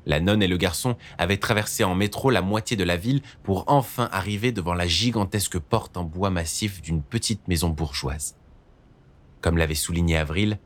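A man narrating a scripted audiobook story in a calm storytelling manner. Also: low voice.

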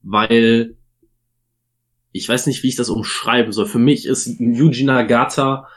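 A German-accented man co-hosts a casual wrestling podcast, speaking in a steady, mid-range voice at a slightly slow pace. He shares strong opinions and weighs his points, leaning on frequent fillers.

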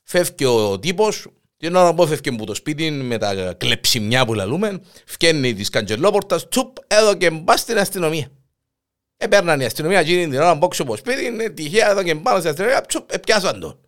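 A man with a Cypriot accent telling a joke in a lively storyteller's way. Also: a little high. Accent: Cypriot Greek. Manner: lively storytelling, acts out voices. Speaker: joke teller.

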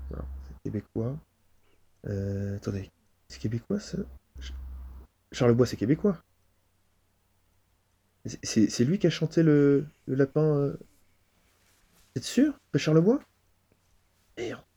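A man's voice: mellow, breathy edge. A man playing a hesitant, stammering male subway busker who keeps second-guessing himself. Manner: stammering, unsure, rising pitch.

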